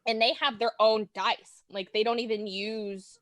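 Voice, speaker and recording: She's a listener-turned-guest on a laid-back gaming podcast, speaking informally and acting out reactions and sound effects. Her voice is on the high side and fairly bright, with a level, unhurried delivery on a dry recording.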